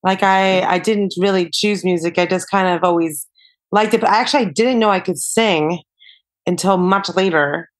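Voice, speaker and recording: She's a young singer-songwriter appearing as a podcast guest, her somewhat low voice moving at a normal speed. The interview is casual, and she rambles easily, scattering "like" and "you know" throughout.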